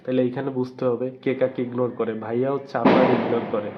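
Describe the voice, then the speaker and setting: A man hosting a casual live stream, chatting with viewers and scolding them, talking quietly so he won't wake others. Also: medium pitch, little pitch movement, fast. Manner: talking quietly because others are asleep. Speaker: live stream host reading viewer comments. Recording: slightly dull, noisy live stream audio. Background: background noise, firecrackers.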